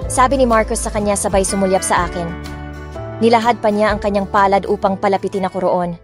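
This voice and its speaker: This audiobook narrator, a woman with a Filipino accent, reads dramatic first-person scripted narration at medium pitch in a steady tone and quick pace, accompanied by soft music.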